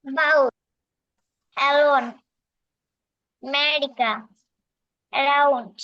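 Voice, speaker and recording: High young reader, very slow and halting; dry, dull lo-fi sound. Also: fairly even intonation, dry recording. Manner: reads words slowly one by one, halting. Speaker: student.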